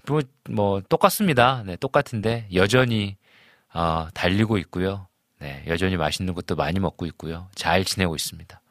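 Here's a low-pitched man in his forties, a pastor on a live stream, recorded in studio quality with no echo. Chatty and casual, he reads out comments from viewers, greets people warmly, chuckles often, and uses many fillers.

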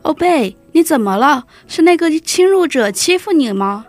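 Woman voicing an anxious storybook shopkeeper, high and hushed, urgent. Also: big pitch swings, normal speed, no echo, soft background music. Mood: worried. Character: anxious shopkeeping villager friend. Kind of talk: storybook reading.

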